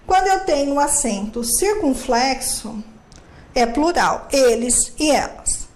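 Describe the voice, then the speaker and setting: A high-voiced woman gives a grammar lesson, explaining each rule step by step. She poses questions and answers them herself. The sound carries a noticeable room echo. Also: animated, slow pace, a little mellow. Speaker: teacher.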